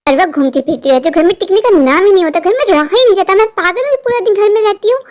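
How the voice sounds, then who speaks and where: A woman voicing an irritable elder sister who scolds impatiently in an animated horror story. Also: very high-pitched, fast talker. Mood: irritated.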